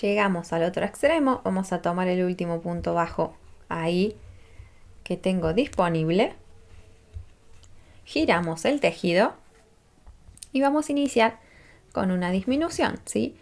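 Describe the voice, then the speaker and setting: A woman's voice: lowish voice, lively intonation, measured pace, gravelly, pauses often, darkish tone. A woman, patiently teaching a crochet tutorial step by step and checking in with listeners as she counts rows aloud. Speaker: crochet instructor.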